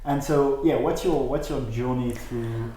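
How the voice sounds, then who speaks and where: A man hosting a live-streamed interview, speaking haltingly and restarting his sentences often. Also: medium pitch, dark tone. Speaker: podcast host. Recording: echoey room with faint noise.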